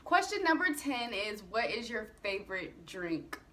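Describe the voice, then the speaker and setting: Bright-voiced young woman vlogging casually. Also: medium pitch, big pitch swings, measured pace, slight background noise. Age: 20s. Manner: chatty, candid, swears casually, laughs often. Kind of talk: casual Q&A vlog.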